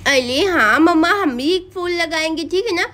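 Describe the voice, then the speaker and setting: A chirpy, inquisitive little girl, voiced by a woman in a cartoon story. She sounds extremely high and drags out her words in an eager way. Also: animated, moderate pace, fairly bright tone.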